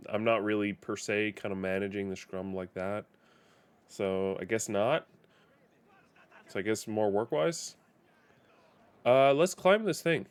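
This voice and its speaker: A man's voice: lowish voice, clear, resonant tone. A man live-streaming a video game, chatting casually in a rambling, self-correcting way.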